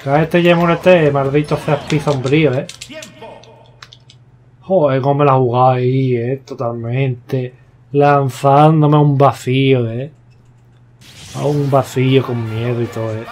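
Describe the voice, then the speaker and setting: A young man with a Spain Spanish accent giving excitable, foul-mouthed live gameplay commentary, yelling at his opponents. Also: medium pitch, measured pace, long pauses. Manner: excitable, swears a lot, yells at opponents. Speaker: gaming YouTuber. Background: faint game music.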